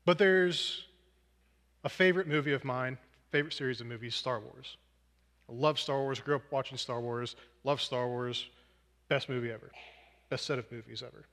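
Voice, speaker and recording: Earnest preacher in an echoing hall. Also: male voice, mid-range voice, normal speed, long pauses, a bit bright. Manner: earnest, self-deprecating, uses movie examples. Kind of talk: sermon. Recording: long hall reverb.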